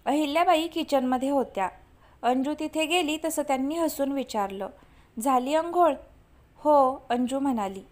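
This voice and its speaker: A woman reading a story aloud in a steady, measured way. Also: high-pitched. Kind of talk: scripted narration.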